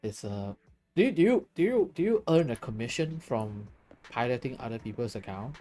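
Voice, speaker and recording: A man's voice: medium pitch, big pitch swings, normal speed, dark tone. A tired man chatting casually while streaming a game, laughing often and answering his chat.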